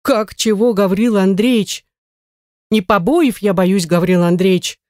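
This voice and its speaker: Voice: medium pitch, a little slow, darkish tone, no echo, clean studio sound, natural voice. A reader voicing a wordy, self-pitying middle-aged male shoemaker in an audiobook, complaining at length. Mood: lamenting. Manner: lamenting, long-winded. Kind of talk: audiobook character reading.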